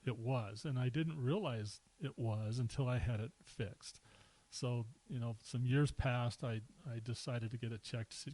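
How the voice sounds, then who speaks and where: Middle-aged male guest, casual storyteller, average pitch, lively anecdotes. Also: poor audio. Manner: relaxed anecdotes with chuckles and acted-out quotes. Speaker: podcast guest.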